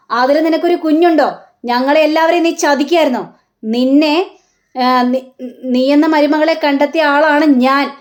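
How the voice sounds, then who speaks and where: A woman acting out a furious mother-in-law in a retold soap scene, demanding answers in a slow, hammering way. The voice sits high and pointed, scolding without letup. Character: stern angry mother-in-law interrogating her daughter-in-law.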